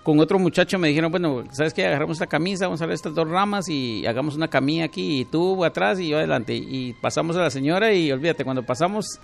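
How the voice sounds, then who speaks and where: A man's voice: fairly high pitch, quick pace, gravelly, hardly any pauses, a little hiss or hum. A middle-aged man from Guatemala, a car salesman and radio guest, telling his story in a friendly way. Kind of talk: casual interview chat.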